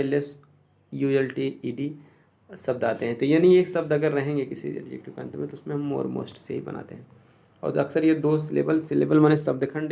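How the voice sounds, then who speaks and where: A man who teaches English, explaining grammar rules step by step and slowly repeating each example word. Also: medium pitch, vocal fry, dark tone.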